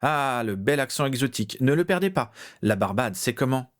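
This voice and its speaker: A man's voice: mid-range voice, lively intonation, moderate pace, pitched above the performer's own voice, close to an everyday voice. A man voicing a jovial, chatty male barman who talks in effusive bursts. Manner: effusive, exclamatory.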